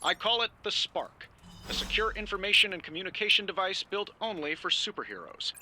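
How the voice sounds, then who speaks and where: A witty superhero inventor in a video game, speaking as a recorded hologram. His voice is fairly high and very bright. He pitches like a glib, self-assured showman, over light noise. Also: lively intonation, a little fast, heavily acted. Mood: breezy, self-satisfied.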